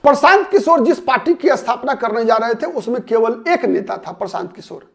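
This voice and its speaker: This solo political commentator speaks briskly to camera on his own show, his very high-pitched, expressive voice marked by vocal fry. His argument unfolds analytically, point by point; he hammers the same names and key words and pauses to pose rhetorical questions before answering them.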